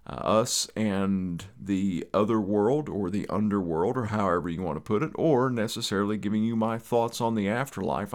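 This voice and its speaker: A man with an Eastern Kentucky accent hosting a podcast in a conversational, rambling way with folksy asides. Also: fairly low pitch. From Eastern Kentucky, USA. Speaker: podcast host.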